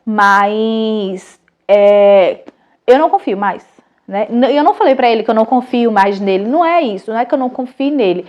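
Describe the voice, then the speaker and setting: A Brazilian woman in her thirties, a mother and channel host, telling a family story in a casual, animated, chatty way with many restarts. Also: a little high, normal speed, dull audio. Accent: Brazilian Portuguese.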